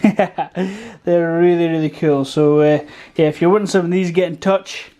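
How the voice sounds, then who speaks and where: A man filming a casual unboxing vlog, excitable and gushing, laughing often and exclaiming as he goes. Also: fairly high pitch, measured pace. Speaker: car enthusiast vlogger.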